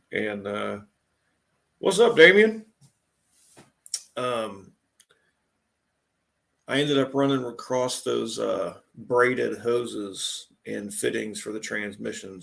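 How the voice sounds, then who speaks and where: A man's voice: fairly low pitch, gravelly, a bit bright. A man in his forties hosting a casual live stream, chatting in a laid-back way and greeting viewers as they join. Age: 40s.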